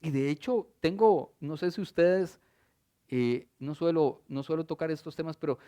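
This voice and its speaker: Male pastor, middle-aged, high-pitched, expressive sermon delivery. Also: normal speed. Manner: expressive, animated preaching with rhetorical questions to the congregation.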